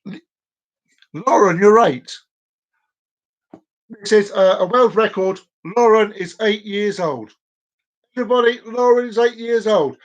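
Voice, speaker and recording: A man's voice: sits high, unhurried, long pauses, dull audio. A man in his forties hosting a casual live stream, chatting playfully with viewers and repeating his words as he rambles. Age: 40s.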